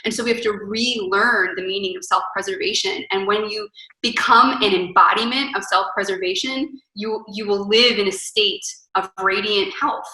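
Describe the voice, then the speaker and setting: Young woman wellness coach, earnest and emphatic, bright voice, roomy echoey sound. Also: medium pitch, moderate pace. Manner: earnest, emphatic, speaks in lists. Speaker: wellness coach, podcast guest. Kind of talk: casual interview conversation.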